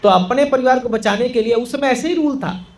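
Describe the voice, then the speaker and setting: High-voiced male preacher telling a story. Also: fairly quick. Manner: animated, acts out the characters' lines. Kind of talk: storytelling sermon.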